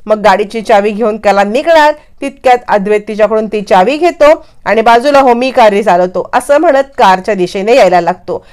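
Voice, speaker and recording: A woman narrating a recap of a TV serial in a lively, dramatic storytelling manner. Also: mid-range voice, fairly quick, hardly any pauses, clear, resonant tone.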